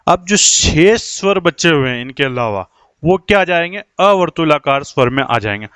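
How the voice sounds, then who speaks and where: Male teacher from India, slightly high voice, dry close sound, steady question-and-answer lesson. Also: smooth, no echo. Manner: asks rhetorical questions and answers them himself, slows down while writing on the board. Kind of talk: Hindi grammar lesson.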